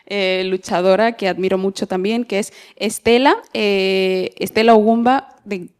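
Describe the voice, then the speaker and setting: A woman's voice: medium pitch, fairly even intonation, measured pace, darkish tone, clear, resonant tone. Woman, mid-range voice, panel moderator, semi-formal, conversational, frequent tag questions.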